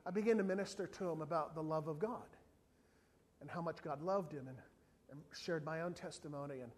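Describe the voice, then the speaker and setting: A man's voice on the high side, a little fast, comes with a slight hiss or hum in the audio. He isn't from South Africa and preaches as an evangelist, animatedly telling a funny story and briefly voicing its characters.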